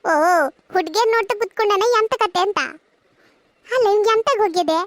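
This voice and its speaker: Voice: very high voice, a little fast, no echo, studio quality. Gunda, a performer's chatty cartoon schoolboy. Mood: coaxing. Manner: chatty, coaxing, keeps asking questions. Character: Gunda, lively teasing schoolboy friend. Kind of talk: cartoon voice acting.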